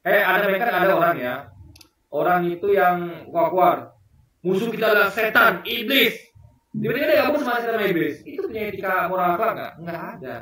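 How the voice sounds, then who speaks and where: A man's voice: sits high, lively intonation, fairly quick, a bit bright. A man giving casual spoken political commentary to his viewers, emphatic, asking rhetorical questions and addressing them directly. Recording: very echoey room, voice far from the mic.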